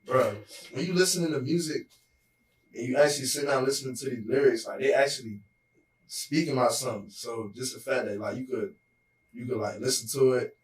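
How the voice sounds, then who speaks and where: A man's voice: mid-range voice, brisk. A young man co-hosting a podcast, talking in a laid-back way with slang like "bro" and "you feel me.". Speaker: podcast co-host. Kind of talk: casual chat. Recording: roomy echo, distant mic.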